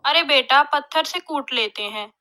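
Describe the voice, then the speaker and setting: A woman voicing a kind older village mother-in-law who speaks softly and soothingly. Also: sits high, unhurried. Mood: gentle.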